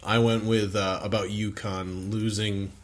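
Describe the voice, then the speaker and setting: Co-host: man, lowish voice, halting sports chat, blunt. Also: little pitch movement. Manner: hesitant, stumbling restarts, blunt opinions. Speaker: podcast co-host. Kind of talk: casual sports podcast banter.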